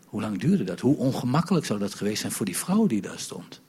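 A man preaching a lively sermon in a church, joking with the congregation and moving between loud and soft delivery. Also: medium pitch, fairly quick. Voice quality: very husky.

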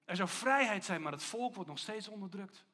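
A man with a notably high voice preaches a sermon. He speaks with strong emphasis and keeps asking rhetorical questions of his listeners. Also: animated, normal speed, sharp tone.

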